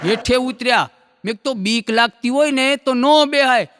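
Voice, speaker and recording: A man telling jokes on stage, in folksy storytelling that acts out characters in quick dialogue. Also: very high-pitched, big-room sound, heavy background noise. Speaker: stand-up comedian.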